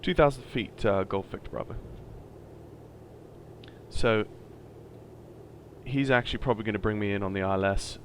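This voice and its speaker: Male sim pilot, lowish voice, easygoing and slightly hesitant commentary, with a clear engine drone behind. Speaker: flight simulator streamer playing the pilot. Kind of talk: casual running commentary with radio calls. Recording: loud engine hum behind voice.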